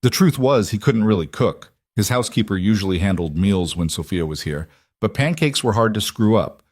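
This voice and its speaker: A male narrator with a low voice reads a scripted story evenly and steadily. The recording is dry and close, with no room sound. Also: lively intonation, moderate pace, a little mellow, no room sound.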